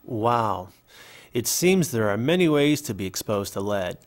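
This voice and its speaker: A man's voice: lowish voice, sing-song, a little slow. A man reading an English voice-over for a signed conversation, in a conversational scripted style. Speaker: voice-over for a signing speaker.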